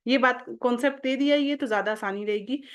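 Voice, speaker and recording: A slightly high-voiced young woman gives a home-schooling phonics lesson. She breaks each word into single letter sounds, drawing them out slowly. She pauses often to ask whether it is clear. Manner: often checks with "okay?". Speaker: phonics teacher.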